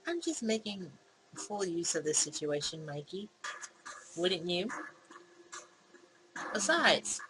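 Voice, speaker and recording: A woman hosting a gaming video reads visual novel dialogue aloud in a casual, acted-out style, adding asides along the way. Her fairly low voice is sing-song and slow, with long pauses. Game music plays behind her, and the background is noisy.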